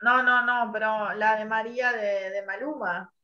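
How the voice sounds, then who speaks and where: A woman teacher leading an online class, patiently quizzing students and spelling out sounds slowly. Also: fairly high pitch, fairly even intonation, slight background noise. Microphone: video call. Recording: muffled online call audio.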